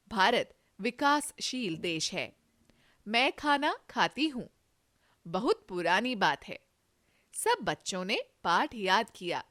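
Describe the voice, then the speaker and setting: A woman teaching a children's grammar lesson, reading example sentences slowly and expressively. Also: mid-range voice, sharp tone.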